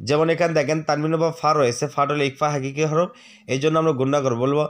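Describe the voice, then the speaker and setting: A man teaching the rules of Quran recitation, patiently spelling out each letter, asking the viewer questions and reciting words slowly for them to repeat. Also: fairly high pitch, fairly even intonation. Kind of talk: tajweed lesson, spelling out letters and drawn-out recitation.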